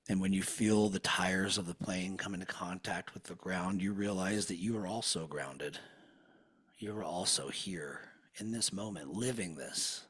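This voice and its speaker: A man leading a guided hypnosis session in a slow, soothing, hushed manner. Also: deep voice, breathy edge.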